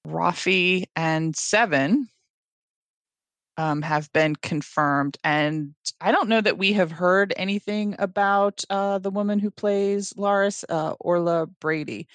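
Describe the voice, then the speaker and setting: This is a podcast co-host in a casual, animated discussion who speaks quickly and acts out quotes along the way. The voice sits at a middling pitch, and the recording is dry and close. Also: clear, resonant tone, dry recording.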